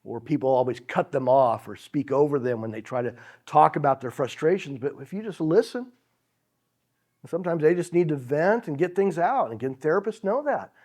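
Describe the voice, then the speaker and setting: A man's voice: on the high side, animated, a little fast, darkish tone. A middle-aged man preaching a conversational sermon, chuckling as he acts out example phrases.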